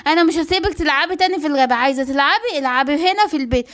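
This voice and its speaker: Cartoon giraffe mom, protective and scolding, a woman voicing, Egyptian accent, fast. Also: high voice, a bit bright.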